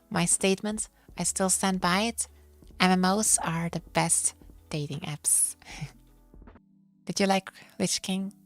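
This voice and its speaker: Female podcast streamer, non-native English, low register, playful casual storyteller, music underneath. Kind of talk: casual chat about online games. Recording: music behind the voice.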